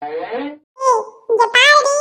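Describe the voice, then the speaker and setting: A woman's voice: very high voice, huge pitch swings, drawn-out words, sharp tone, exaggerated voice. A woman voicing a henpecked male lizard who coaxes and pleads with his wife in a cartoon. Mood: pleading. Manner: pleading, coaxing. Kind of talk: cartoon voice acting.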